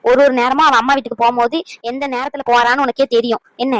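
A woman voicing a sharp-tongued elderly grandmother in a cartoon, nagging and lecturing. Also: sits high, level tone, fast talker, no room sound, close to an everyday voice, poor audio. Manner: nagging, lecturing, old sayings. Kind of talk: cartoon voice acting.

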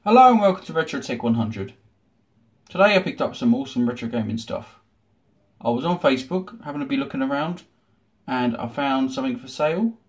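A man hosting a retro gaming video, chatting casually through an unboxing with dry, sarcastic asides from a small room at home. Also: mid-range voice. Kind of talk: casual show-and-tell unboxing. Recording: noticeable background noise.

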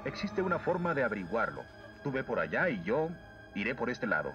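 A man's voice: medium pitch, big pitch swings, a little fast, lo-fi sound, over music, natural voice. A man playing an earnest, good-natured young prince in a Latin American Spanish cartoon dub. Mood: alert. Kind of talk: dubbed cartoon acting.

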